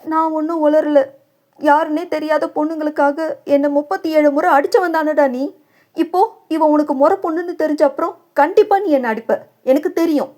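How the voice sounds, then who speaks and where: Woman doing jealous young wife, fiery, scolding, higher voice, audio novel. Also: expressive, normal speed. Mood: sulky. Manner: fiery, scolding, teasing her husband. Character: quick-tempered young wife, a jealous lawyer.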